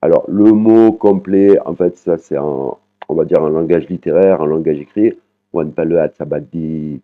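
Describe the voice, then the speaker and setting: A man teaching a language lesson, explaining patiently, tagging sentences with "hein" and slowly repeating practice words. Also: low-pitched. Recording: muffled, phone-like sound.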